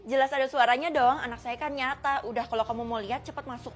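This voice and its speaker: A spooky, sly female teacher, as a woman acts her out in a comedy skit. She teases calmly and talks quickly. Her voice is high. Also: lightly acted. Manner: calm, sly and teasing. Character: spooky, teasing female teacher and new mother. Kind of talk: comedy skit role-play.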